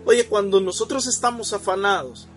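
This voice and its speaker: High-voiced man preaching a sermon. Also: moderate pace, faint music behind. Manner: addresses listeners directly, repeats phrases for emphasis; calls for amen from the congregation.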